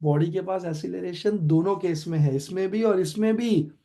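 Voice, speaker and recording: A man's voice: high-pitched, moderate pace, warm tone. A young adult man with an Indian accent teaching a physics class, quizzing students as he goes and mixing Hindi with English. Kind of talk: online class lecture.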